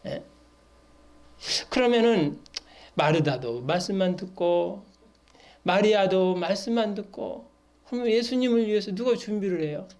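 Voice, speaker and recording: A man's voice: high voice, lively intonation, normal speed, darkish tone. A man, a pastor, leading a Bible study sermon in a church. He reads scripture aloud and keeps checking in with the congregation through short questions. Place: church worship hall.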